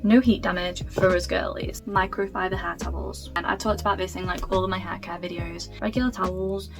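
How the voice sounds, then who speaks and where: A woman's voice: fairly low pitch, fairly even intonation. Brief: young woman vlogger, chatty and gushing, faint music underneath. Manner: gushing, fast and emphatic with casual swearing. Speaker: beauty vlogger. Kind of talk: chatty product-recommendation vlog.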